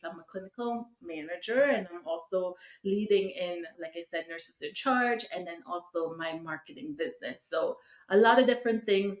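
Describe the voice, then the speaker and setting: A woman's voice: medium pitch, a little mellow. Woman, enthusiastic coach, roomy reverberant sound. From Trinidad and Tobago. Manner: enthusiastic, upbeat. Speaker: co-host, holistic coach. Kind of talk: casual webinar talk.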